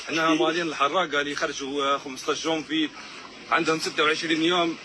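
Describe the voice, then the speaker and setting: An Algerian man giving a public statement as a families' spokesman, arguing haltingly and mixing in French words. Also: on the high side, steady tone, noisy background. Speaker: spokesman for families of missing migrants.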